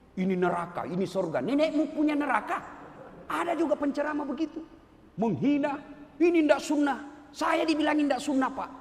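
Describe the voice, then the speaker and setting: A middle-aged man preaching a humorous sermon, switching between loud exclamations and quiet asides. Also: very high voice. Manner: animated, swings from loud exclamations to soft asides. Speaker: Islamic preacher. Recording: reverberant hall with faint background noise.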